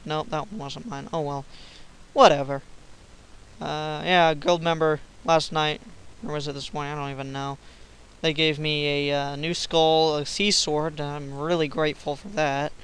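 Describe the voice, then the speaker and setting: A man's voice: fairly high pitch, steady tone, unhurried, smooth, low-quality recording. Silly, cursing young gamer guy. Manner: swearing, silly, bursts of yelling. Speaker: gamer recording gameplay. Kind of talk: casual gameplay commentary.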